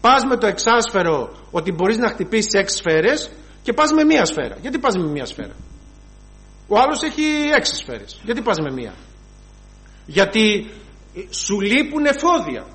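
Male preacher, high-pitched, lively storyteller who acts out the scenes. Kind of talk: sermon.

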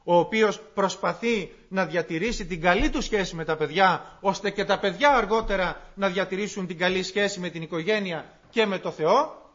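A man preaching a sermon to his congregation, explaining scripture in an earnest, unhurried way with frequent pauses. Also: sits high, a bit bright. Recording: dull lo-fi recording.

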